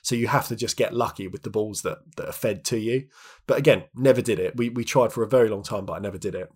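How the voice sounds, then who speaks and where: A man in his thirties co-hosts a podcast, chatting reflectively and casually with many restarts and filler words. His voice is on the low side, husky and darkish, and he talks fast.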